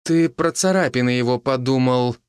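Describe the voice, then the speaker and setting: A shrewd police major who teases his neighbours with dry, knowing remarks, read by a man close to his own voice. His tone stays plain and matter-of-fact, in a mid-pitched male voice with no room around it. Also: normal speed, clean tone, dry recording, lightly acted. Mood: wry.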